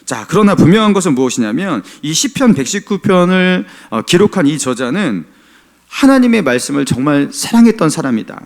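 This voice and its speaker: A male pastor giving a Sunday sermon in a conversational style. He often turns to the congregation with questions and chuckles now and then, and his voice moves between emphatic raised lines and soft, low asides. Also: very animated, fairly quick. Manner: chuckles while talking.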